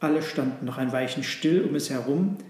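A man narrating a storybook read-aloud in a calm, even storytelling manner. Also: mid-range voice, fairly quick. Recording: roomy echo.

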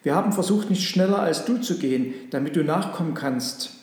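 Guy doing a kind careful camel, gentle, slightly raised voice, echoey. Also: on the high side, expressive, fairly quick, pitched above the performer's own voice. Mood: caring. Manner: caring, cautious. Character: kind caring male lead camel.

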